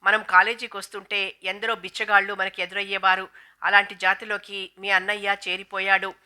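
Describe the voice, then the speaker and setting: A proud, wealthy young woman who mocks and gloats over someone's downfall, read aloud by a woman narrator. Her voice is very bright and sharp, held in a fairly flat, even line. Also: medium pitch, fairly quick, smooth. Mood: mocking. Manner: taunting, gloating.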